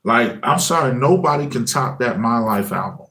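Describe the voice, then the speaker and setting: A former high school teacher turned music channel creator, a man in his forties, tells his story casually and conversationally, with loose chatty phrasing and lots of "you know what I mean" fillers. He acts out his own past words in lively quoted asides, speaking in a mid-range voice at a moderate pace.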